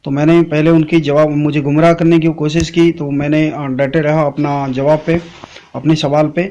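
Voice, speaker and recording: A man's voice: on the high side, flat delivery, moderate pace, warm tone, dull audio. A man talking casually to his viewers as a channel host. He reads out chat messages and rambles, with lots of "aa" fillers and "theek hai" tags.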